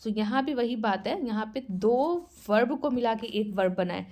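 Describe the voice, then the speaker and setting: A woman's voice: on the high side, moderate pace, a little mellow. Woman teaching, repeating words. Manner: patient, repeats each word and meaning; mixes Hindi and English. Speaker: language teacher. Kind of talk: casual online lesson.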